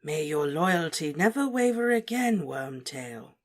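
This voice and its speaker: A woman voicing a cold, cruel male dark wizard lord, speaking softly, slowly and with deliberate menace. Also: deep voice, big pitch swings, exaggerated voice. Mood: menacing. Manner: soft, menacing, slow and deliberate.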